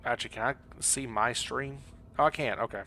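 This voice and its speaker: While live-streaming a video game, a man chats casually with his viewers in a medium-pitched, sharp voice that's fairly even and a little fast. He rambles, jokes and apologizes, and background noise is clearly audible.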